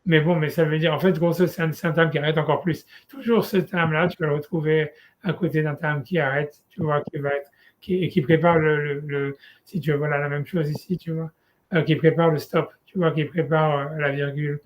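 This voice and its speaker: A man leads a relaxed one-on-one Torah study session, talking casually with frequent restarts and fillers. His voice is on the high side and fairly quick, and a little hiss or hum can be heard in the recording.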